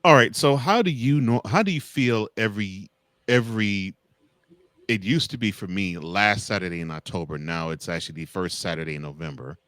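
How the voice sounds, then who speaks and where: Low-voiced American man talking football. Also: moderate pace, a bit bright, no room sound. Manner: repeats words and phrases for emphasis. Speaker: sports show co-host. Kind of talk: casual college football discussion.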